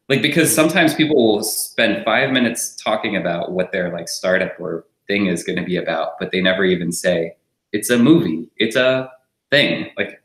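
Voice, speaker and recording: A man's voice: on the low side, a bit bright, reverberant. A man raised in France, a startup co-founder, talking easily as an interview guest, with fillers and frequent laughs. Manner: easygoing, laughs often, rambles with fillers. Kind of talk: relaxed conversational interview.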